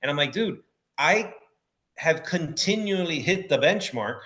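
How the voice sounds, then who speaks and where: Animated storytelling man. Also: on the high side, unhurried. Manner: animated storyteller, acts out quotes, says bro and dude. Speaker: podcast guest, entrepreneur. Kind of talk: casual interview chat.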